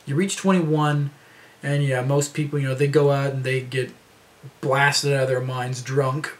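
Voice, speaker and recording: A man's voice: medium pitch, steady tone, measured pace. A man in his thirties rambling casually to camera in a vlog, with lots of fillers and restarts. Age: 30s. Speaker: vlogger.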